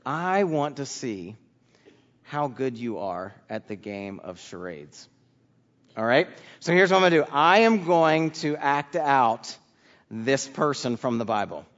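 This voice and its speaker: A man's voice: mid-range voice, very animated, unhurried, fairly bright tone. A man giving a sermon as a children's pastor, moving between personal testimony and Bible teaching. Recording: muffled sound in reverberant hall.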